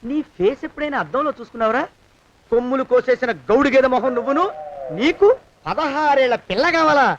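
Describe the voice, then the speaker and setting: A man's voice: extremely high pitch, quick pace, fairly bright tone, slight background noise. An actor playing an angry man ranting at the moneylender who has squeezed him for his father's debt. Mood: furious. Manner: ranting, insulting. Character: angry young man berating a cruel moneylender. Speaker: debtor confronting a creditor. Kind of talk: film comedy dialogue. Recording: dull lo-fi film audio.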